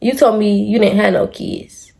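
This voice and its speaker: Woman, mid-pitched voice, casual storytime vlogger, lively and profane, talks straight to her audience. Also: normal speed, creaky. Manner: animated, swears freely, addresses viewers as y'all. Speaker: vlogger telling a personal story; mother.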